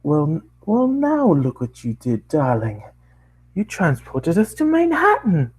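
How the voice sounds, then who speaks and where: A man voicing a prim, dramatic female pony with a drawn-out delivery. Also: fairly high pitch, huge pitch swings, slightly rough, voice pushed up, full character voice, low-quality recording. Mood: exasperated.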